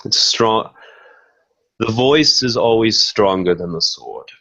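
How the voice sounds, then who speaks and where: A man role-playing a beastly, courteous master of wolves from the forest, speaking haltingly and earnestly. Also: fairly low pitch, animated, pushed and bright, lo-fi sound, full character voice. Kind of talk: tabletop role-play in character.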